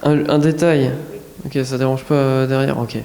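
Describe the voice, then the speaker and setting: Un modérateur homme dans une salle réverbérante. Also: male voice, medium pitch, little pitch movement, normal speed, a little mellow, a little hiss or hum. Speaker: event moderator. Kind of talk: moderating a Q&A. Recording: long hall reverb.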